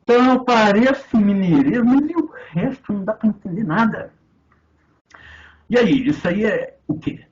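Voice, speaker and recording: Sarcastic mineiro teacher, animated delivery. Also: male voice, high-pitched, a little slow, lo-fi sound. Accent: Minas Gerais Portuguese. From Brazil. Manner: sarcastic, swearing, swings from loud outbursts to mutters. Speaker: philosophy teacher. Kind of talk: lecture commentary on a text.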